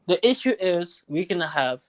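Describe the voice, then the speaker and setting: A man on an online call whose voice comes through robotic and metallic, speaking casually as a football podcast panelist and pausing mid-sentence. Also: sits high, very animated, no room sound, clean studio sound. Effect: robotic metallic audio glitch.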